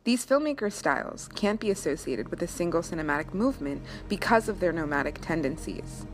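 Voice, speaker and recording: Low-voiced woman narrating a film essay. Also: lively intonation. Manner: measured, deliberate academic delivery. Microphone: voice-over. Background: music.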